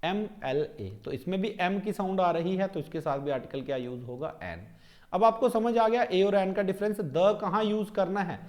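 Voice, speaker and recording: A young man teaching English grammar for exam prep in mixed Hindi and English, checking in with his students after each point and slowing down to spell out example sentences. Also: high-pitched, animated, darkish tone.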